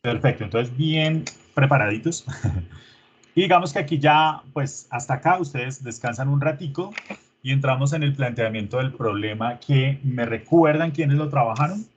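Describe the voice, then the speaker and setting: A man's voice: medium pitch, moderate pace, lo-fi sound, a little hiss or hum. A man, a teacher coaching his students through an online rehearsal in an informal, coaxing way, full of diminutives.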